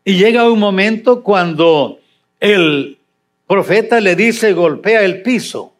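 Older guy pastor preaching, takes his time, voice sits kinda high, gets loud then drops real quiet. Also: lively intonation, slow. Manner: dramatic, swings between loud emphasis and quiet asides. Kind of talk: sermon with scripture reading.

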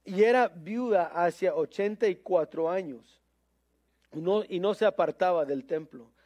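A man's voice: high-pitched, a little slow, darkish tone, dull audio. A man preaching a sermon, telling a story conversationally with many fillers and English words mixed in.

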